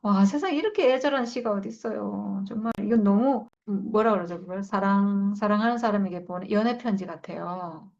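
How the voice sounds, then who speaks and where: A woman's voice: medium pitch, brisk, gravelly, hardly any pauses, a little mellow. Earnest Korean woman leading Bible study. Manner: earnest, emotional, reads scripture aloud then reflects. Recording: dull lo-fi recording.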